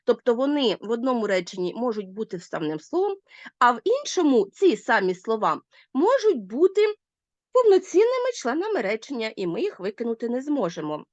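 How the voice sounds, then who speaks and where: A woman teacher giving a recorded video lesson to schoolchildren, with emphatic, lively teacherly intonation as she addresses her pupils. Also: on the high side, a little fast, no room sound, dull audio.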